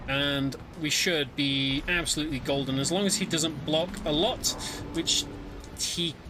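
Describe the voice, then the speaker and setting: Here a man with a fairly high voice talks a little slowly over background noise. He's a speedrunner narrating the story of the game while he plays through his own run, keeping it casual and explanatory.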